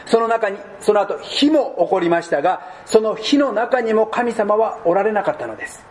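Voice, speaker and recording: A man preaching a sermon as pastor, speaking deliberately and dropping to soft, low tones at key points. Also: animated.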